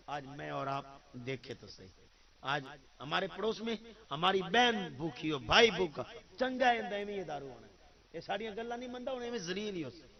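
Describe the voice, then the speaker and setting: A man with a Pakistani accent giving a religious sermon, calling out to the crowd, then dropping to soft asides and reciting verses. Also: sits high, muffled recording. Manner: emphatic, swings between loud calls and soft asides; addresses the crowd directly, recites Arabic verses. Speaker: preacher. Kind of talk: Urdu religious sermon with storytelling.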